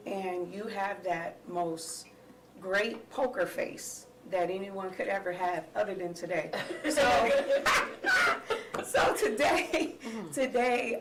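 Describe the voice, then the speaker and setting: A woman's voice: lowish voice, gravelly, background noise. A woman board member paying tribute to a colleague at a school board meeting. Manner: warm tribute, laughing between phrases. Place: meeting room. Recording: echoey room mic from far off.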